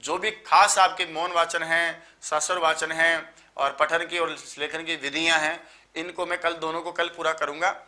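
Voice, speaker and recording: A man, tired after just waking up, teaching a live online exam-prep lecture and listing terms in quick runs. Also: a little high, little pitch movement, bright, forceful tone. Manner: explanatory, lists terms in quick runs, addresses students as sir.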